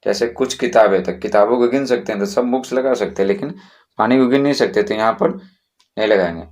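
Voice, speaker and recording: A man, teaching English grammar to schoolchildren in a slow, repetitive way, often checking that students follow. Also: lowish voice, darkish tone. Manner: slow, repetitive classroom explaining with frequent checks.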